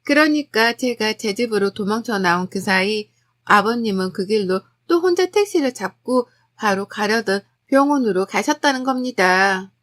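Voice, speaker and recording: A woman's voice: medium pitch, lively intonation, normal speed, fairly bright tone. A woman telling a first-person family story as scripted narration, in a chatty, gossipy confessional way.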